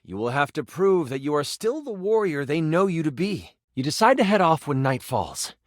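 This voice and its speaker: An eager male game master narrates a fantasy tabletop adventure for a video game, delivering it like a theatrical storyteller with dramatic, expressive asides. His voice runs high and swings widely in pitch to build drama, at normal speed. The sound is close and dry, with no room sound.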